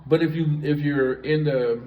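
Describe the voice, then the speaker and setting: A man's voice: on the high side, fairly even intonation, a little slow, roomy sound, narrow, tinny audio, faint music behind. A man in his late fifties from the United States, co-hosting a casual vlog chat in a blunt, rambling way. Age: 50s. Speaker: vlog co-host.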